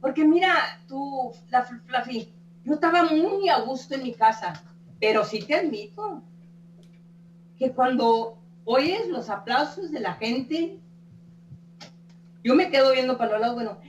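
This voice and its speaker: An older woman singer being interviewed speaks in a high, animated voice at a measured pace, leaving long pauses. She tells warm, meandering stories in a chatty, folksy style, peppered with "¿eh?" and repeated words, recorded from a distance in an echoey room with a faint hum.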